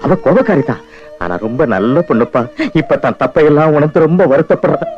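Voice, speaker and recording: A remorseful father, played by a man in an old film, pleading with a lively rise and fall. His voice sits at a middle pitch, and the dull soundtrack has faint music behind it. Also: fast talker, lightly acted. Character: remorseful older father searching for daughter.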